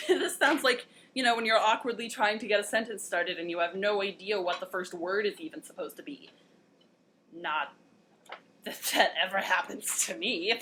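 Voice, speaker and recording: A woman's voice: mid-range voice, a bit bright, slight background noise. A young woman hosting a casual educational vlog, chatty, playful and enthusiastic. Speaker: host.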